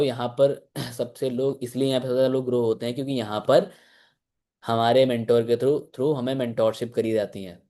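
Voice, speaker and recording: Mellow-voiced man coaching sales objections. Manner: conversational, acts out both sides of a sales pitch, frequent filler checks. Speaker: sales team mentor. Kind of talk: motivational sales training talk.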